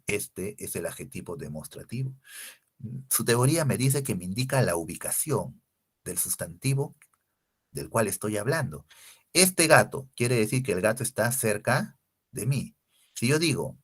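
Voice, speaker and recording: Peruvian guy teaching grammar for exams, husky lowish voice, swings his pitch a lot, keeps asking "ya?". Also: a bit bright. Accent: Peruvian Spanish. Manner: emphatic, rhetorical questions, spelling out lists. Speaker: language teacher. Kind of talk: exam-prep grammar lesson.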